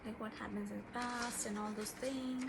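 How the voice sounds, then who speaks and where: A woman with a Bengali accent chatting casually about a book, halting as she searches for words and rather self-deprecating. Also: on the high side, fairly even intonation, gravelly, background noise. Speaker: book reviewer. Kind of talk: casual unscripted book chat.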